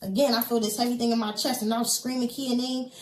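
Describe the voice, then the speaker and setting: A woman's voice: on the high side, little pitch movement, fast talker, roomy sound, low-quality recording. A woman, a podcast guest, telling a personal story in earnest detail, acting out what others said and tossing in casual fillers. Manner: earnest, vivid retelling with quoted dialogue and many fillers.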